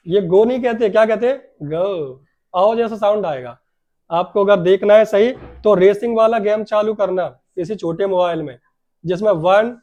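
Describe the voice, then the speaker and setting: A man's voice: sits high, darkish tone. A man teaching a classroom grammar lesson, asking his students questions and answering them himself, and drawing out words to stress them.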